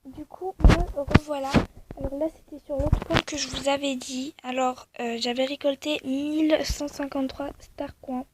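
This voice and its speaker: Chatty high-voiced girl narrating a game. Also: fairly even intonation, normal speed, hardly any pauses. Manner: chatty, rambling with many fillers. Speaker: gaming video creator. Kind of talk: casual gameplay commentary. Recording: faint background noise.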